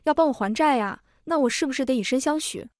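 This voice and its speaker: A woman's voice: high voice, quick pace, no echo, studio quality, close to an everyday voice. A woman reading the lines of a young man, a self-mocking, teasing childhood sweetheart, in a story.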